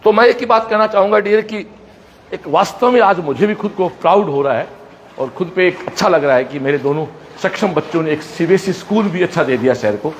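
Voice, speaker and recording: A man with a high voice speaks fairly quickly while touring his school's classrooms and corridors, where he is the coaching and school founder. He chats with students and talks to the camera in a live walkthrough vlog, with slight background noise.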